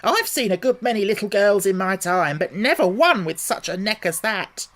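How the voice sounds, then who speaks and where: A man voicing a fussy mother pigeon who shrieks and speaks with deep contempt. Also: animated, normal speed, fairly bright tone. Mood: scolding. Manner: shrill, contemptuous, scolding. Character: fussy shrieking female pigeon guarding nest.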